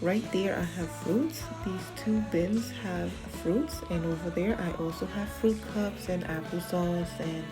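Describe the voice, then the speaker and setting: A woman's voice: on the low side, measured pace, hardly any pauses, music in the background. A woman giving a casual, chatty voice-over as a home organization vlogger, talking directly to viewers with encouraging tips. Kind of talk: casual voice-over narration of cleaning.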